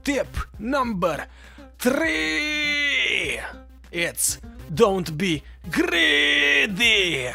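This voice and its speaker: A gaming video creator with a Russian accent gives tongue-in-cheek, mock-instructive game tips in scripted narration over gameplay, with music playing behind him. He speaks slowly in a high, animated, slightly bright voice with a husky edge.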